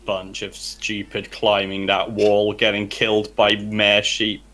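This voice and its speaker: A man's voice: fairly low pitch, monotone, slow pace, bright, forceful tone. A man voicing his cocky male adventurer character, jeering at enemies in a tabletop game. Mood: taunting. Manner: mocking, jeering.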